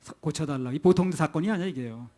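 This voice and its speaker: Male pastor, middle-aged, slightly higher-pitched, homespun conversational sermon delivery. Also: fast, dark tone. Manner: conversational, folksy, with rhetorical questions.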